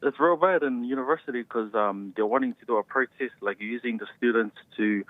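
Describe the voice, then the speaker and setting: A twenty-year-old man with a New Zealand accent, a student caller chatting casually and haltingly. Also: mid-range voice, no echo. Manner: halting, ends phrases with "eh". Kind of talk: casual chat. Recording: thin, narrow phone line.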